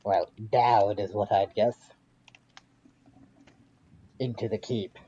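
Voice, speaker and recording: A man with a low, mellow voice grumbles his way through a tabletop game, wry and quick to swear. His voice comes through a dull, muffled lo-fi mic with a faint hiss behind it. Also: steady tone, breathy edge. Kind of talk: in-character game banter.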